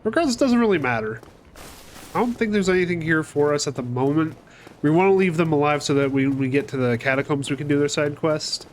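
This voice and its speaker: A gaming channel host who's fighting a cold talks quickly in a slightly high voice, with a faint hiss in the background. His let's-play commentary is casual and chatty, with casual swearing and remarks aimed at the enemies on screen.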